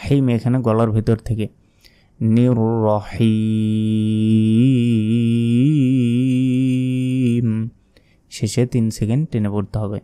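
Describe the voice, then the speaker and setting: A man with a Bangladeshi Bengali accent teaching correct Quran recitation, explaining slowly and deliberately with drawn-out chanted examples. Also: on the low side, steady tone, dark tone, faint music behind. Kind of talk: religious recitation lesson.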